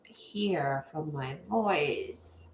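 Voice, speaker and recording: Her low voice draws out words as she chats and welcomes viewers on a casual livestream, her nose clearly stuffy. She sits at a table in a home setup, and the echoey room gives a dull lo-fi sound with a slight hiss or hum.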